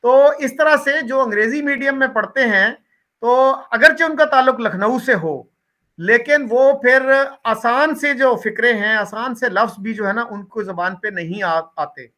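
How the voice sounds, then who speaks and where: A man with a high, bright voice tells a story in an easy, measured way. He speaks as a guest in a relaxed conversation.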